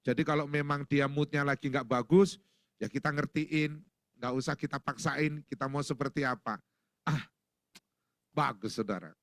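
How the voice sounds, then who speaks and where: A middle-aged pastor delivers a folksy, joking sermon in a church, acting out small household exchanges as he goes. His voice is bright and forceful, pitched a little high for a man. The sound is close and dry. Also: moderate pace, long pauses, no echo. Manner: folksy, joking preaching with acted-out household quotes.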